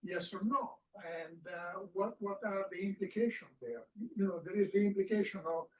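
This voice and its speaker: A man's voice: high voice, normal speed, far from the mic, slight background noise, poor audio. A man in the audience asking a long, rambling question at a live panel.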